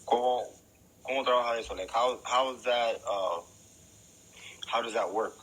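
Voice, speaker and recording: A man's voice: mid-range voice, measured pace, fairly bright tone, breathy edge, poor audio. A man from Miami asking a question in a casual online chat, hesitant and searching for his words.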